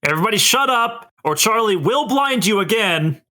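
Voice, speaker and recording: Man putting on a bright, petulant boastful refugee spellcaster. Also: fairly high pitch, big pitch swings, takes it slowly, voice pushed up, heavily acted. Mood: bossy. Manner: petulant, needling. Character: defiant, boastful refugee spellcaster who refers to themself in third person.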